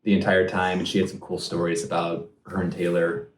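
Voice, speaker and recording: A young man with a very low voice, telling stories as a podcast co-host. He talks in a loose, animated way with lots of fillers, and the room sound is roomy and echoey. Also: a little fast, slight background noise. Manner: animated storyteller, filler-heavy. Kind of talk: casual chat.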